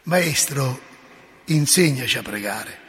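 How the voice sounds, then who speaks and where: A priest giving a sermon, telling stories and acting out the dialogue, with sudden swings from soft to loud. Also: male voice, medium pitch, expressive, slow pace, big-room sound. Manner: storytelling, acts out dialogue, emphatic swings in loudness.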